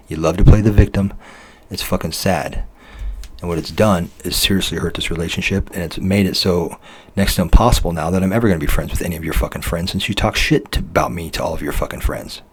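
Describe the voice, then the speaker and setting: A man's voice: low voice, slightly rough. A man leaving a bitter, accusatory voice message to his partner, ranting and swearing heavily. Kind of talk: angry recorded voice message.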